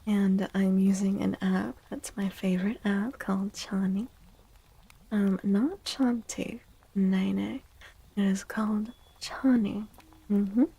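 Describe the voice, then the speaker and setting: A woman hosting a tarot and astrology live stream speaks in a hushed, breathy ASMR voice that often drifts into a whisper, medium-pitched and fairly even, mellow with creaky edges. She chats slowly and gently, playfully and theatrically drawing out words. The audio quality is poor.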